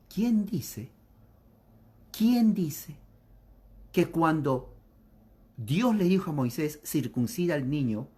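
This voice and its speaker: A man preaching a catechism lesson in an emphatic, repetitive way, acting out opponents' objections in quoted voices. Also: on the high side. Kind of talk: sermon.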